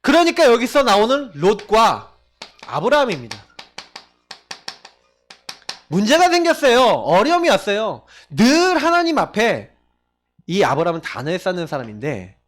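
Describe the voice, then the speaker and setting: A male pastor preaching a sermon, emphatic, asking the congregation questions and swinging between loud stressed phrases and low quiet asides. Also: wildly swooping pitch, moderate pace, pauses often.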